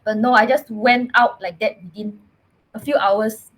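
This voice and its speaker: A woman with a Singaporean English accent telling her own story as a podcast guest, earnest and halting, often restarting her words. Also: fairly high pitch, steady tone, fairly bright tone, poor audio. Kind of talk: personal storytelling in casual chat.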